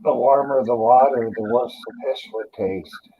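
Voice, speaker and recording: A man's voice: medium pitch, fairly even intonation, normal speed, breathy edge. A man chatting casually in a blunt, rambling, salty way. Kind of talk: casual chat. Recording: dull lo-fi audio.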